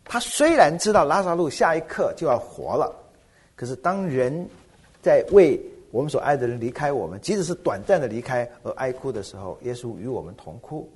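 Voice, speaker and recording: A middle-aged man, a pastor, preaching a sermon with animated rhetorical questions. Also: mid-range voice, brisk, breathy edge.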